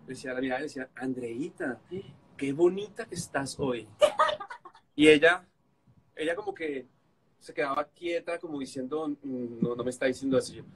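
A man's voice: medium pitch, steady tone, fast talker, a bit bright, slight background noise, rough recording. A man with a Colombian accent telling stories animatedly on a video call, mimicking others and laughing. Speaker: guest on a live stream. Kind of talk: casual storytelling on a video call.

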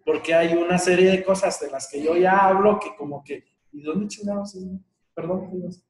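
A Mexican man with a notably high voice talks to a group in a loose, colloquial way, with bits of laughter in between. He is picked up from a distance, and the room around him rings with echo. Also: moderate pace. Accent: Mexican Spanish. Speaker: workshop leader. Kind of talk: casual group talk. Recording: echoey room, distant mic.

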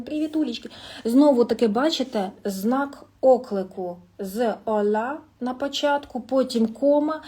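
Woman, language teacher, live-stream lesson, slightly high voice, warm mellow tone, lively chatty delivery. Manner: lively, addresses viewers fondly, thinks aloud.

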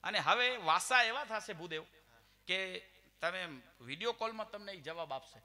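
High, bright-voiced Gujarati comedian. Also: male voice, lively intonation, normal speed. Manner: storytelling with quoted dialogue, addresses audience directly. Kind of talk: live stand-up joke telling.

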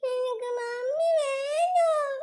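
A woman voicing a stubborn crying little schoolgirl in a puppet-show cartoon, whiny and sing-song, shouting drawn-out threats. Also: very high voice, full character voice. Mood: wailing.

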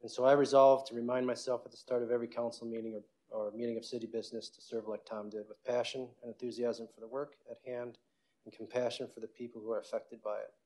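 A man's voice: mid-range voice, flat delivery, fast talker, darkish tone, low-quality recording. A middle-aged man, a city council member, reading a prepared invocation in an earnest way, with small restarts, in a council chamber on a desk mic.

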